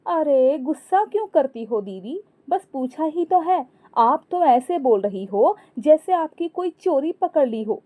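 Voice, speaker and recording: A woman's voice: high voice, expressive, measured pace, warm tone, voice pushed up. A woman voicing a sly young daughter-in-law who needles sweetly. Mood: needling.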